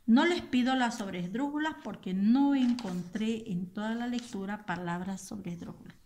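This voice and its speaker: A woman teacher, giving a recorded lesson to children and slowly repeating and spelling out each word. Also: a little high, a little mellow, slight background noise. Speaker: school teacher.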